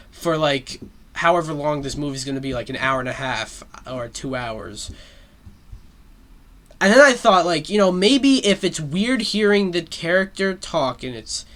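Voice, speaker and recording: A man's voice: fairly high pitch, fairly bright tone. A man hosting a solo show, giving casual pop-culture commentary in a rambling way, with lots of fillers and frequent swearing. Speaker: solo talk show host.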